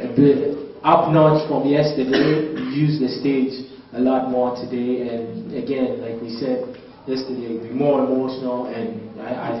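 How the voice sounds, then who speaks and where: A man judging a talent show, giving casual, mild feedback with tips softened by praise. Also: medium pitch. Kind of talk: casual spoken feedback to a contestant. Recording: echoey hall, distant dull microphone, faint noise.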